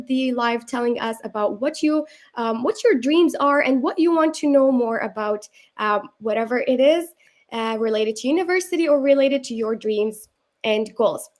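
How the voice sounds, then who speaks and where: A young woman from Syria hosting a live online talk, upbeat and welcoming, often pausing with "um" and "uh". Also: high voice. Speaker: livestream host. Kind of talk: live-stream presenting.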